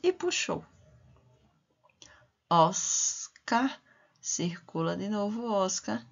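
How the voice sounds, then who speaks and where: A woman teacher walks young pupils through a reading lesson, sounding out each syllable with slow, careful deliberation. Her voice sits at a middling pitch. The recording is slightly dull and lo-fi. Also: animated, vocal fry. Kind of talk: primary school reading lesson.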